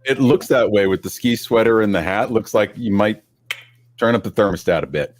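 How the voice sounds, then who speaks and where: A man hosts a relaxed podcast chat in a fairly low voice. He talks in an easygoing, rambling way, with good-natured teasing of the people with him. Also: fairly quick, a little hiss or hum. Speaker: podcast host.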